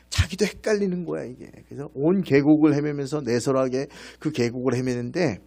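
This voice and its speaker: A male pastor preaching in church, telling a personal story in an animated way and turning now and then to speak directly to members of the congregation. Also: mid-range voice.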